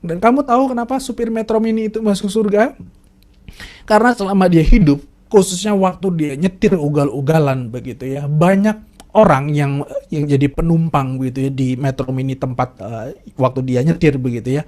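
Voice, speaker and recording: Brief: man playing laid-back angel, calm and explanatory, slightly higher pitch. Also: normal speed, lightly acted. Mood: calm explaining. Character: calm, matter-of-fact male angel.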